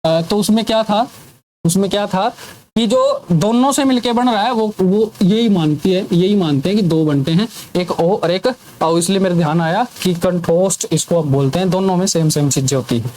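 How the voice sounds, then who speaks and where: A man's voice: sits high, normal speed, darkish tone. Playful man drilling a grammar class. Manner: drills students with repeated sounds and call-and-response questions; jokey teasing asides. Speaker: teacher.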